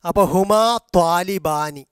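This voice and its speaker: A man teaching a language class, slowly repeating and drilling grammar forms, with a Malayali accent. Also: sits high, steady tone, smooth, no echo, clean studio sound. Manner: slow, drilling repetition of forms. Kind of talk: explaining grammar in a video class.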